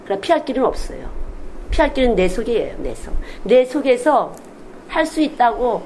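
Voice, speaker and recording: Animated woman preaching a sermon. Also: on the high side, normal speed, a little hiss or hum, poor audio. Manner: animated, acts out quoted speech in different voices; candid and confessional. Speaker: children's missionary preacher. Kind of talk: sermon at Sunday worship.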